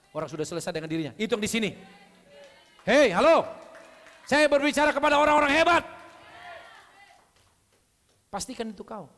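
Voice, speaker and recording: A male preacher, giving a blunt, scolding sermon with sudden loud calls. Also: high-pitched. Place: church hall. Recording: long church hall reverb.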